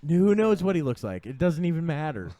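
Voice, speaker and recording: A male podcast host with a high voice that swings widely up and down. He talks bluntly in relaxed chat, cursing freely and closing out the show himself. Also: brisk, crowd noise. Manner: blunt, heavy swearing.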